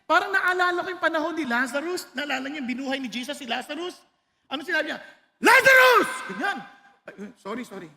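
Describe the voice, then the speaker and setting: A man preaching a sermon in an animated way, mixing in English and raising his voice for emphasis. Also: very high voice, fast talker, slight background noise. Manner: animated, mixes English into Filipino, shouts and laughs for emphasis. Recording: long reverb of a large hall.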